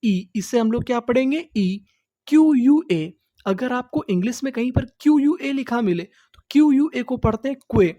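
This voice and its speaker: Woman slowly spelling out English words. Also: fairly high pitch, lively intonation, mellow, dry recording, dull audio. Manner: spells words letter by letter, asks and answers her own questions. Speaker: English teacher. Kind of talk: slow spelled-out vocabulary lesson.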